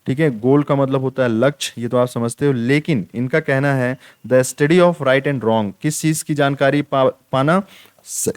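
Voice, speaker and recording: A man's voice: mid-range voice, a little slow, clean tone, no room sound, studio quality. A young man teaching an online exam-prep lesson, repeating key points and checking in with his students again and again. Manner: repetitive, drills points with "theek hai".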